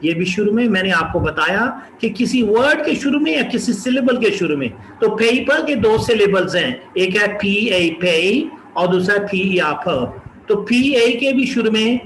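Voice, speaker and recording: A man from Pakistan teaching a pronunciation lesson, repeating each example word slowly and distinctly. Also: sits high, fairly bright tone, reverberant, a little hiss or hum, low-quality recording. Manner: slow, repeats example words carefully and distinctly. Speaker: English teacher.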